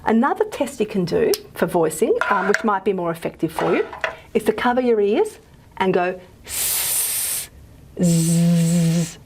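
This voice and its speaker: A woman lecturing on phonetics in a casual, recorded class. She fills her talk with ums and frequent "okay?" checks, sounds out example consonants, and pauses while she writes and erases on the board. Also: medium pitch, very animated, background noise.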